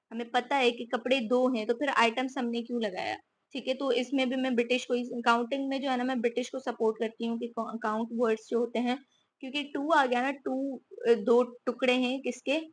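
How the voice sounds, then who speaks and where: A Pakistani woman teaches English grammar casually, her voice on the high side with a fairly bright tone. She repeats "theek hai" often and asks rhetorical questions to check that listeners are following.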